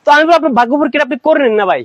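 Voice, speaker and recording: Fast, high-voiced salesman. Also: a bit bright, no echo. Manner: pushy, repetitive, calls viewers brother. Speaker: shop seller. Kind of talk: live-stream sales pitch.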